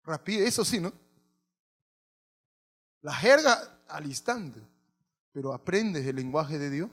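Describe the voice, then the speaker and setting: A man's voice: a little high, lively intonation, slow pace, fairly bright tone. A male pastor, preaching a sermon and putting questions to the congregation.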